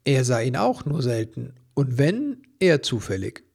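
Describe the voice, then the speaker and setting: A man reading a children's story aloud, lively and doing voices for the characters. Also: mid-range voice, normal speed, gravelly, breathy edge. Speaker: narrator.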